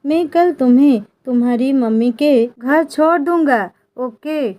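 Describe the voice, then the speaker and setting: Storybook romance lead: woman voicing a gentle young husband, mellow tone. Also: high voice, a little slow. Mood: tender concern. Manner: gentle, coaxing. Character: young man, tender worried husband.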